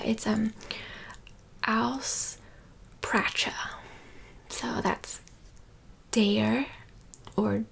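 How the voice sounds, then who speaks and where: An American language teacher with a slightly high, gravelly voice whispers through an ASMR-style German lesson, slow and meandering, with deadpan jokes. She is indoors among books and a map, with faint background noise.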